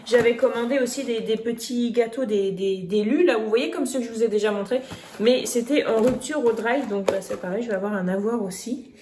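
A woman's voice: a little high, a little fast, darkish tone. Chatty woman in an echoey room. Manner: chatty, many restarts and fillers. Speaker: vlogger. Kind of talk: casual grocery haul chat. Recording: echoey room, faint noise.

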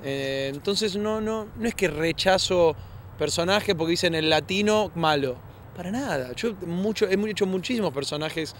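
A man's voice: high-pitched, normal speed, fairly bright tone, a little hiss or hum. A man with an Argentine accent answering interview questions in an earnest, reflective way, often restarting and asking "you know?". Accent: Argentine Spanish. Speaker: actor being interviewed.

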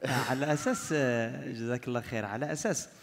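A man's voice: mid-range voice, fast talker, gravelly. Hesitant young man from Morocco. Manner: hesitant, many fillers. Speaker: young panel guest, singer. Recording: long hall reverb.

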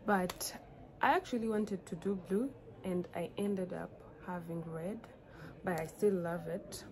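In a casual vlog filmed in small rooms, a young Rwandan woman speaks to her phone camera a little slowly, her lowish voice slightly mellow and Rwandan-accented. Faint background noise and a roomy echo come through.

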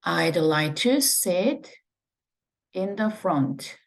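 A woman with a Korean accent teaching English pronunciation, saying model phrases slowly and carefully and explaining each one step by step. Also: fairly low pitch, expressive, creaky. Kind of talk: pronunciation lesson.

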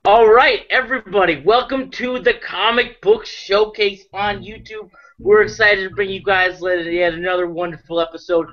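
A man's voice: high voice, level tone, moderate pace. A drunk man hosting a casual chat, rambling with loose restarts. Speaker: host. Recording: dull lo-fi sound.

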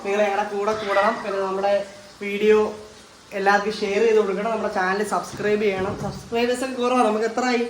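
A man's voice: high-pitched, level tone, fast, a little hiss or hum. A man, chatting casually and rambling as he films a family vlog in a home kitchen, mixing in English words. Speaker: family vlogger filming his partner cooking.

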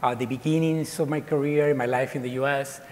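A man in his forties from Colombia, raised in Ecuador, giving a lively, chatty talk to students, with many fillers and restarts. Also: medium pitch, fairly quick. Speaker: guest speaker. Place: large dark auditorium. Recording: long hall reverb.

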